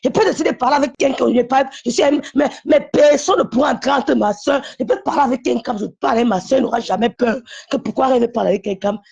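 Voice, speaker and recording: Insistent high-voiced husky woman. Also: fast, few pauses, a little mellow, dull audio. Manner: insistent, repetitive, confrontational. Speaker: live-stream guest. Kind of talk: heated live-stream call.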